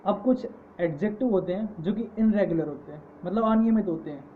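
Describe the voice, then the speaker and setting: A man teaching English grammar in an online lecture, patiently listing word forms. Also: high-pitched. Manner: slow, patient, repeating word forms in lists. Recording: tinny phone-like audio with faint hiss.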